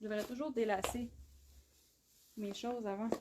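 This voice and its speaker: A woman with a Québécois accent hosting a live clothing sale, chatty, full of fillers and quick laughs. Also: fairly high pitch, steady tone, noisy background. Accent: Québécois French. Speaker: clothing brand host. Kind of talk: live shopping stream. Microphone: phone.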